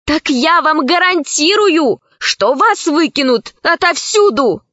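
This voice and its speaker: A plucky young girl, as a woman reader puts her on, higher and brighter than the narration, standing up to villains with cool, firm defiance. The storybook track is slow, dry and dull. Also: lively intonation, no room sound, heavily acted. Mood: defiant. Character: brave defiant young girl, self-assured.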